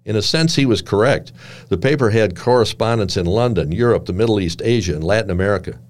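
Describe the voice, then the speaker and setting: An older man reading his own memoir aloud with measured, dry and wry storytelling. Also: lowish voice, lively intonation.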